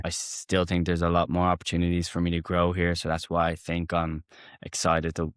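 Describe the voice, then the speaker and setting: Young Irish guy, very deep monotone, rambling interview guest. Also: smooth, dry recording, clean studio sound. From Ireland. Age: young adult. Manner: rambling, many fillers and restarts. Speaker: guest, rugby player. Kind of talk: casual interview talk.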